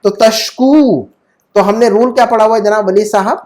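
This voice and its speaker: A man's voice: sits high, steady tone, a little mellow. A man teaching Arabic grammar in a one-on-one online lesson, patient, checking often that his student follows. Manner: patient, asks frequent check questions. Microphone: video call.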